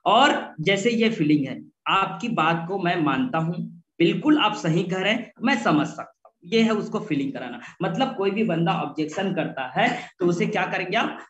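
A man's voice: sits high, expressive, normal speed, hardly any pauses, a bit bright, roomy sound, lo-fi sound. A man leading an online sales training session in a repetitive, coaching tone. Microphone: online meeting microphone.

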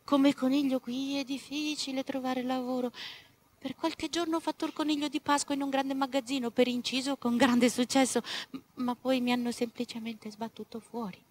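Woman as a polite letter-writing rabbit, soft and hushed, storybook reading. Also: sits high, steady tone, normal speed, voice pushed up. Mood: confiding.

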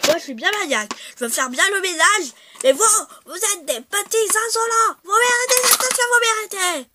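A shrill, scolding old housekeeper. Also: female voice, lively intonation, moderate pace. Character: bossy old woman housekeeper, cranky and fussy. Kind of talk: toy-figure stop-motion voice acting. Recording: loud background hiss.

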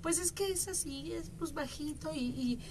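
Woman, interview guest, high voice, lively storytelling. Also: normal speed, distant mic.

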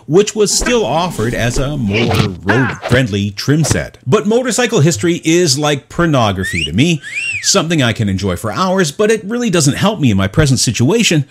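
In a scripted voice-over, a middle-aged man describes restoring his motorcycle. His medium-pitched voice carries a wry, animated delivery.

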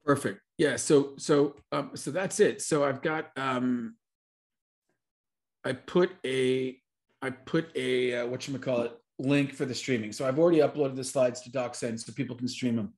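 A man's voice: medium pitch, moderate pace, a little mellow. A man in his forties, a venture capital investor, talking fluently on a video call from a room at home with bookshelves. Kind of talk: webinar presentation and Q&A answers.

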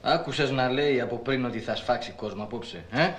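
An actor playing a stern police officer who questions a witness in short, suspicious questions. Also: male voice, mid-range voice, a bit bright, reverberant, a little hiss or hum, lightly acted.

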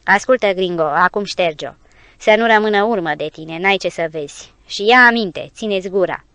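A woman voicing a menacing male smuggler in an audiobook, speaking slowly and with sweet-sounding menace through gritted teeth. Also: medium pitch, a bit bright, clean tone, no room sound, natural voice. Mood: curt. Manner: slow, honeyed speech through gritted teeth. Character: menacing adult male smuggler, sly and threatening.

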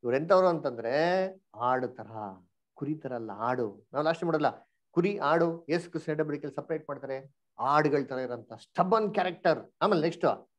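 A man's voice: on the high side, lively intonation, normal speed. A man teaching an online Bible study class, quizzing the group and mixing English words into his speech.

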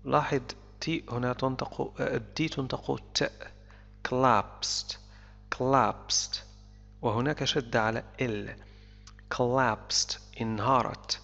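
Gravelly guy explaining english words bit by bit, long reverb, kinda muffled. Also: medium pitch, fairly even intonation, moderate pace, few pauses, fairly bright tone. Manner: explains word by word with short repeats. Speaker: English teacher. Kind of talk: explanatory language lesson.

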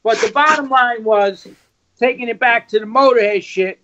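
New york guy with a real high voice, cussing thru wild tour stories, kinda muffled lo-fi sound. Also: moderate pace. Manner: swearing, animated, quotes people in character. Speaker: guest musician telling tour stories. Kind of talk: casual storytelling. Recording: muffled lo-fi audio.

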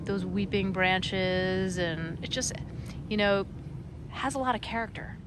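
There's background noise on this outdoor phone recording of a garden blogger touring her backyard. The middle-aged American woman has a mid-range voice and a measured pace, and she's casual and enthusiastic, chatting with lots of fillers and little laughs.

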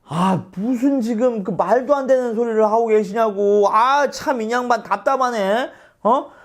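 A man's voice: very high voice, expressive, moderate pace, voice pushed up. A man playing a scheming male adviser who coaxes and scolds his lord in exasperation. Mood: exasperated. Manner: coaxing, exasperated.

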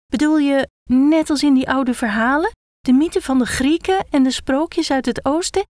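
A woman's voice: fairly high pitch, slow pace, dry recording, studio quality, exaggerated voice. A woman voicing a talking bald head of a young man, bookish and full of eager questions. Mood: excited. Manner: excited, tumbling questions.

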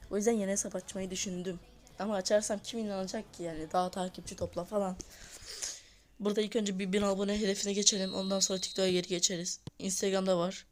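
Female gamer, slightly hoarse, casual match commentary, scolds and cheers her players. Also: mid-range voice, fast talker. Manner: excitable, scolds and urges on the players. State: voice sounds off, hoarse. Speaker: mobile football gamer. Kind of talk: casual live gameplay commentary.

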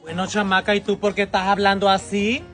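A man's voice: high-pitched, level tone, fairly quick, soft background music. Man putting on a scolding coastal village mother. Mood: nagging. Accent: Mexican coastal. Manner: scolding, loud and exasperated. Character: brash middle-aged village mother, scolding and bossy. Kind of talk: comedy sketch acting.

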